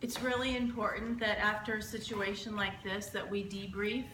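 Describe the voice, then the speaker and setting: A woman playing a calm, supportive hospital staff leader in an acted medical training scenario. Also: mid-range voice, moderate pace, close to an everyday voice. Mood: composed, instructive. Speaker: staff member leading support and debrief. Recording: echoey room, distant mic, noisy.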